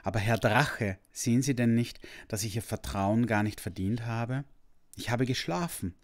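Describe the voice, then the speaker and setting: Man doing a sniffly ashamed little boy, higher voice, pleading, storybook. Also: moderate pace, close to an everyday voice. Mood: tearful. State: sniffling, close to tears. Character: young boy, ashamed and tearful. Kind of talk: storybook reading.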